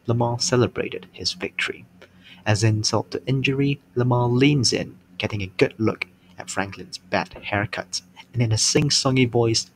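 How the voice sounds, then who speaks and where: A man's voice: mid-range voice, a little hiss or hum. A man narrating in a mock-serious audiobook style, with dramatic, overly formal storytelling.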